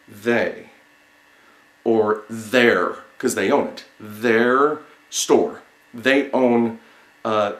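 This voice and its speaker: A man giving an instructional lesson, explaining step by step in a halting way and repeating single words with pauses. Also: mid-range voice, fairly bright tone. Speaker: sign language teacher. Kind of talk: instructional lesson, demonstrating word by word. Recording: roomy, echoing sound.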